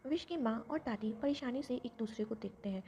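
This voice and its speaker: A woman reads an audio love story in a steady, plain storytelling voice. Her tone is mellow and gravelly and sits slightly high. The recording is dull and lo-fi. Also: fairly quick, slight background noise. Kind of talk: scripted story narration.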